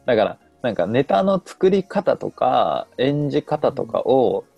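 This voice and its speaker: A man's voice: mid-range voice, big pitch swings, a little slow, creaky, warm tone, breathy edge, no room sound, faint music behind. A man co-hosting a live stream who chats casually and hesitantly, with lots of fillers. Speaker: co-host. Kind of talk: casual chat.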